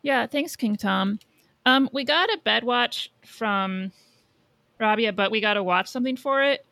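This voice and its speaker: A podcast co-host chats casually, talking in a blunt, opinionated way. Her voice sits on the high side with a sharp tone and a measured pace, recorded with no room sound.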